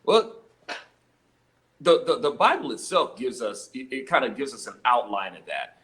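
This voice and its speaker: An American man giving conversational commentary as an interview guest, haltingly, often repeating words as he starts a phrase. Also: mid-range voice, big pitch swings, fairly bright tone.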